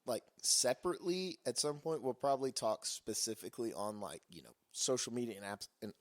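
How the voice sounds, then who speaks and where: A man's voice: medium pitch, animated, fairly quick, no room sound. Rambling man with a dry voice. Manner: rambling, self-interrupting, lots of "like". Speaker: podcast co-host. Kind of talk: casual conversation.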